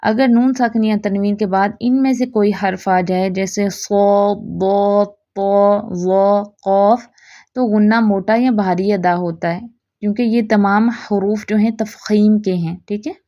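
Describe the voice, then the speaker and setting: A woman teaching Quran recitation in a recorded audio lesson, explaining patiently and reciting examples slowly. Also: mid-range voice, steady tone, warm tone, no room sound, studio quality.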